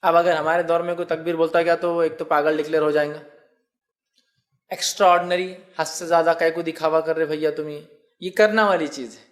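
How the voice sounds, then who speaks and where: Male preacher, fairly high voice, explaining step by step, reciting Arabic phrases, rhetorical questions. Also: little pitch movement. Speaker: Islamic preacher. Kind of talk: religious lecture.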